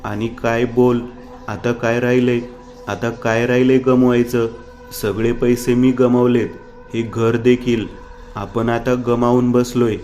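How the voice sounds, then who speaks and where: A man's voice: medium pitch, flat delivery, measured pace, darkish tone, faint music behind, lightly acted. A man voicing a distraught young wife, distressed and questioning. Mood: despairing.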